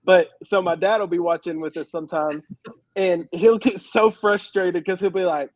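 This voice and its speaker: A man with a high voice talks casually as a podcast co-host, ranting and laughing with an animated, exasperated edge. The sound is dry and close, with no room around him. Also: moderate pace, dry recording, poor audio. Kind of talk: casual wrestling review chat.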